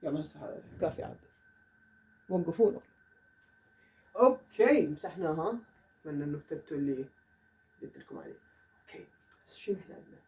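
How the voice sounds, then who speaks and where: A man with an Iraqi Arabic accent teaching an English grammar lesson in a classroom, saying the English examples slowly and carefully. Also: on the high side, expressive, darkish tone, lo-fi sound. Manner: says English example sentences slowly and deliberately. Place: classroom with a whiteboard. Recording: voice from far off the mic.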